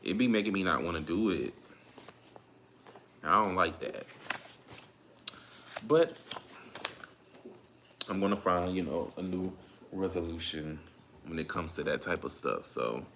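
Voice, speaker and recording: Southern guy doing a tarot reading, real low voice, tired and drawn out, repeats himself a lot. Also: a bit bright, a little hiss or hum. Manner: laid-back, drawn-out, repeats phrases while calling on spirit. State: tired, drained. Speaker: tarot reader. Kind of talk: casual tarot reading monologue.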